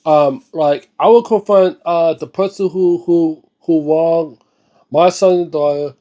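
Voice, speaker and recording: This is the same high-voiced host of a book reading and discussion series, riffing off the cuff in a casual video. The sound is mellow and lo-fi. Earnest and slangy, he speaks emphatically but haltingly, often repeating himself as he hunts for the right word.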